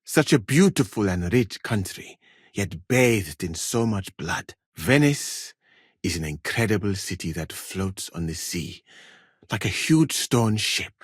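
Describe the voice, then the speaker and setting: An actor playing a learned, proud Malian court physician in a medieval video game, speaking in a formal, courteous, dignified way. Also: male voice, fairly low pitch, animated, takes it slowly, husky, dry recording, studio quality, full character voice. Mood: reflective, courteous. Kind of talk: video game character dialogue.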